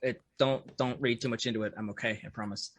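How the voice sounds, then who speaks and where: A man's voice: medium pitch, fairly even intonation, fast talker, no room sound. A man, a musician guest on a podcast, chatting casually in a laid-back way with frequent laughs. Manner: laid-back, laughs often, trails off quietly. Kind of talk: casual chat.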